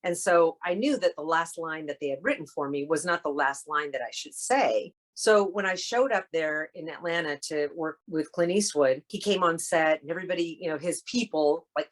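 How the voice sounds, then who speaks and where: Woman telling a story on a chat show, low-ish voice, acts out everyone's lines. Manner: animated, acts out quoted dialogue. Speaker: guest actress. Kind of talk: casual interview storytelling.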